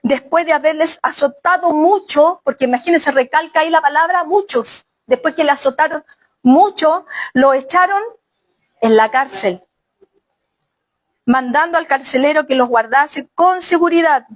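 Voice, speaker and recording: A woman's voice: high-pitched, normal speed, no echo, rough recording. A woman pastor preaching a sermon earnestly, speaking directly to the sisters of her congregation. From Chile.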